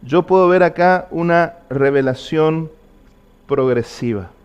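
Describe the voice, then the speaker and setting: A man's voice: fairly high pitch, takes it slowly, smooth, dull audio. A man preaching a sermon, earnestly asking the congregation repeated personal questions. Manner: earnest, repetitive questions to the listener.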